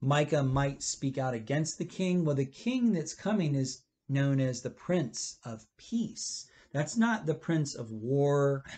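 A man's voice: mid-range voice, animated, slow, few pauses. A man in his fifties leads a children's church lesson. He explains patiently and rephrases as he goes. He is recorded through a table webcam in a book-lined church library. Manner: gestures a lot, explains gently with rephrasing. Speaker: pastor.

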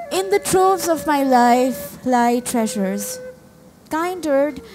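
A young woman with a Nepali accent reading her poem slowly and carefully at an open mic. She reads from her phone into a stand mic on a small cafe stage and sometimes restarts a word. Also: a little high, low-quality recording. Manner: slow, measured recitation read from a phone, with restarts. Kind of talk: poetry reading. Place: small cafe stage in front of a brick wall.

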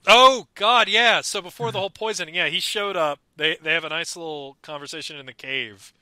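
A young man co-hosting a podcast, chatting excitedly about a cartoon and breaking into mock voices. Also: a little high, fairly quick, dry recording. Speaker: podcast co-host. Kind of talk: casual chat about a cartoon.

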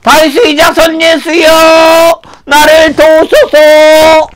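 Pastor putting on a squeaky, desperate blind beggar for a kids' puppet show, slow and loud. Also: male voice, steady tone. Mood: crying out. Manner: cries out desperately, voice strained high. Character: poor blind beggar man, pleading and eager.

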